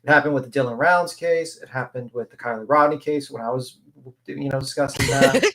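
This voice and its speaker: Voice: medium pitch, brisk, noisy background. A speaker talking through a voice changer that makes them sound like a man, chatting casually and candidly on a livestream call, rambling and swearing now and then.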